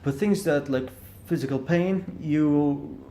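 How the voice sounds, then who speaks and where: A man on the high side, creaky and mellow, takes his time in a reflective vlog monologue to camera. He searches for words as he thinks aloud, stuttering with repeated syllables and restarting again and again.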